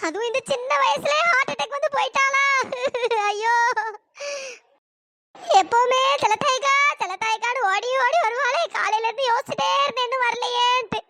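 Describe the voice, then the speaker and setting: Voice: normal speed, sharp tone, slight background noise. A grumbling cartoon village woman. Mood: grieving. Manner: grumbling, scolding, talks to herself. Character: grumbling village woman, Chellathayakka, fussy, bossy neighbor. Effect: pitch-shifted up. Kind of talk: cartoon voice acting.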